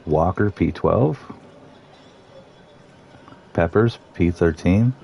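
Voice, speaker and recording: A man commentating live on a sim race, reading out the starting grid in a relaxed, joking way. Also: sits low, drawn-out words, creaky, slightly rough.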